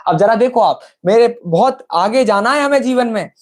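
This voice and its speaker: A man with an Indian accent teaching English in a live online lesson, explaining in Hindi and reading English lines slowly and carefully while checking that viewers follow. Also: extremely high pitch, expressive. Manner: addresses viewers as friends, asks if they understood.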